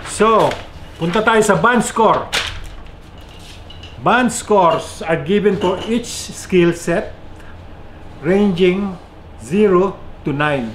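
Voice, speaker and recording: This Filipino vlogger, speaking with a Filipino accent, mixes English and Filipino in a chatty explainer and gives his viewers shoutouts. He draws out his words and pauses often, his pitch and volume rising and falling a lot, recorded in an echoey room with faint background noise.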